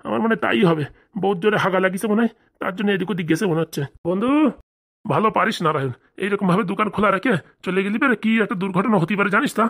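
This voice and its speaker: A woman's voice: medium pitch, very fast. A woman voicing characters in a comedy cartoon, chatty and scolding. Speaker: cartoon voice actor. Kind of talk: cartoon voice acting.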